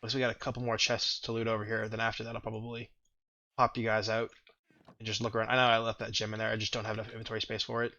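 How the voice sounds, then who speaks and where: A man with a lowish, groggy morning voice talks through his gameplay, wandering from thought to thought as he plays. The recording is dull and lo-fi. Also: monotone, racing, sharp tone. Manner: rambling, thinking aloud while playing. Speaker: gaming video host. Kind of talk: casual let's-play commentary.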